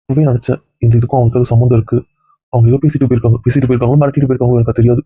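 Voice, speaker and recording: A man's voice: medium pitch, flat delivery, very fast, husky, no room sound, narrow, tinny audio, natural voice. A man playing a remorseful young husband in an amateur family drama, talking in a pleading, apologetic way. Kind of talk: amateur web-series acting.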